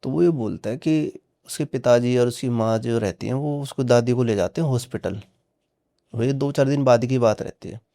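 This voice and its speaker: A man's voice: mid-range voice, moderate pace, creaky, mellow. A man casually recounting a horror story on a podcast, acting out the dialogue with frequent "he said" tags. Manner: retells dialogue with many "he said" tags.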